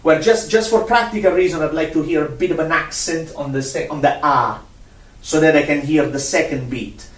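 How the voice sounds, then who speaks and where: A man's voice: on the high side, fairly quick, hardly any pauses. A man teaching a one-on-one music lesson, patient, repeating himself and counting out rhythms. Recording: roomy sound from a distant mic.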